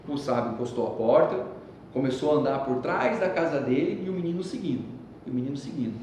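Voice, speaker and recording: A man giving a motivational talk, telling a story and speaking directly to a live audience in an animated way. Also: fast talker, distant mic. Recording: echoey hall with faint rumble.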